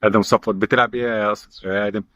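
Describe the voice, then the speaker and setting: A man's voice: lowish voice, fairly even intonation, rapid-fire, fairly bright tone, no echo, dull audio. A man with an Egyptian accent interviewing young players, firing short questions and repeating their answers back. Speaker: interviewer at a youth football academy. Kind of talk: rapid-fire question interview.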